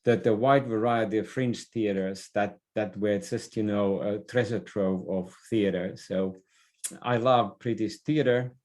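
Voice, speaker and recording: This interview guest is an older Finnish business leader and former theatre director whose first language is Finnish. He talks slowly in a fairly low, darkish voice with fairly even intonation. His answers are thoughtful, and he often repeats a word while finding his phrasing.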